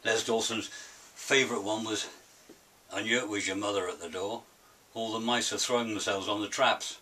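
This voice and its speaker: A man's voice: lowish voice, steady tone, normal speed, bright, forceful tone, husky. An older British man giving an opinionated monologue in a grumpy, grumbling manner, emphatic and full of rhetorical questions. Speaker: presenter of his own opinion series. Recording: hissy, distant microphone.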